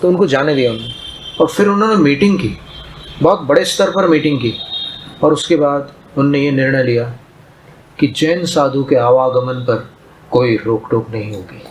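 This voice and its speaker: A man preaching a sermon, calmly telling a story and retelling its dialogue in plain speech. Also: medium pitch, moderate pace, a little hiss or hum, rough recording.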